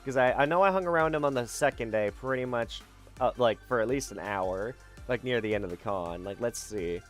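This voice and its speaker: A young man chats loosely on a livestream, full of ums and restarts. His voice sits in a middle pitch and sounds worn out. Soft background music plays behind him. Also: brisk. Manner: rambling, many fillers and self-corrections. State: tired. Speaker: VTuber streamer. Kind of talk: casual stream chat.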